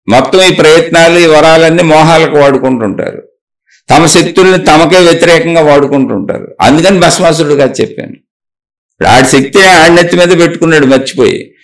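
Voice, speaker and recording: A man's voice: a little high, gravelly, rough recording. A man giving a spiritual discourse, firing off rhetorical questions and scolding his listeners. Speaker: spiritual teacher.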